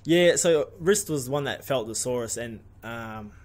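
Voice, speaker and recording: A man's voice: mid-range voice, expressive, moderate pace, a little mellow. A man in his late twenties with an Australian accent, a guest on a podcast, speaking in a reflective, hesitant way with many fillers. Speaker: guest, rugby league player. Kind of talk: podcast interview. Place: small studio with curtain backdrop. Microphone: studio mic on boom arm.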